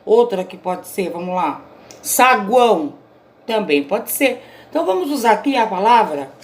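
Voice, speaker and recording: A woman teacher records her own online grammar lesson at home, explaining patiently and frequently checking in with her students. Her voice is medium-pitched and sing-song, at a moderate pace.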